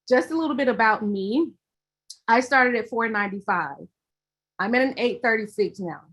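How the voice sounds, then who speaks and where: A woman's voice: a little high, fairly bright tone. A young Southern woman from Alabama hosting a livestream workshop, chatty and upbeat as she greets viewers. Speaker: host of a credit workshop livestream.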